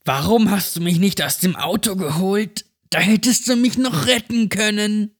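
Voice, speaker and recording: A man's voice: high voice, normal speed, pitched above the performer's own voice. A man voicing a tortured little girl in a horror story, speaking in a raised, thin voice that turns bitter and accusing. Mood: enraged. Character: mutilated little girl, weak then enraged.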